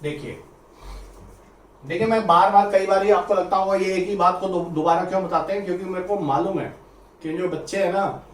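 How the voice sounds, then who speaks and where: A high-voiced man with fairly even intonation teaches biology to exam students, going over points repeatedly, telling them to listen closely, drawing key terms out slowly and slipping in English words. Echo fills the room, the mic sits somewhat far away, and a faint ambience can be heard.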